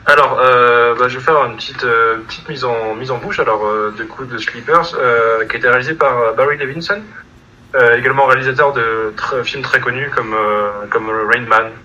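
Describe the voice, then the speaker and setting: A man chatting casually as a podcast panelist, with a very bright, forward voice. He talks haltingly, with plenty of fillers. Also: mid-range voice, fairly even intonation, highs cut off, slight background noise. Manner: hesitant, many fillers.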